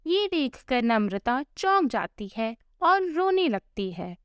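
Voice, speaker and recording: A woman narrating a scripted family story in a slow, expressive storytelling manner. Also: on the high side, clear, resonant tone, dry recording, studio quality.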